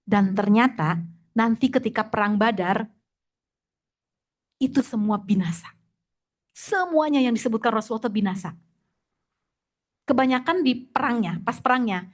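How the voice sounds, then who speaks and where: Animated storytelling woman teacher, higher voice. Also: normal speed, long pauses. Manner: animated storytelling, dropping to whispers and rising to exclamations. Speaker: Islamic teacher. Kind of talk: religious talk.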